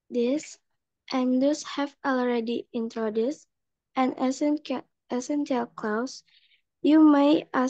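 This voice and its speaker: A woman student reading a passage aloud in class, slowly and carefully. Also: high voice, dark tone, no room sound, lo-fi sound.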